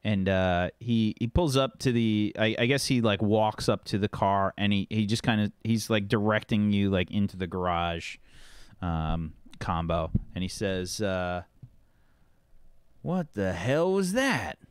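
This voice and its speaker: Casual, halting male game master, lowish voice. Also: steady tone, clear, resonant tone, no echo. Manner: casual, halting, searching for words. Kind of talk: improvised tabletop game narration.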